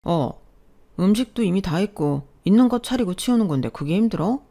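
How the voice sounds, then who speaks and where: A woman's voice: medium pitch, lively intonation, moderate pace, vocal fry, mellow, pitched above the performer's own voice. A woman plays the youngest son of a family in a radio drama, a young husband who argues bluntly and stubbornly with his parents and brothers. His talk is plain-spoken and pushy. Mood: arguing. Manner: blunt, argumentative pleading.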